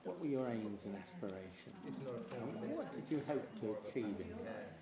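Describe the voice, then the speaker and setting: A man's voice: mid-range voice, sing-song, moderate pace. Chatty man in his eighties. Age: 80s. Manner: chatty, rambling, laughs often. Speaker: member of church pastoral team. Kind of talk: casual panel conversation. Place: church. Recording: roomy church with crowd noise.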